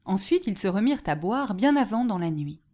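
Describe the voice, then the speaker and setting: A woman narrating a fairy tale in an expressive storytelling manner. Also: medium pitch, fairly quick.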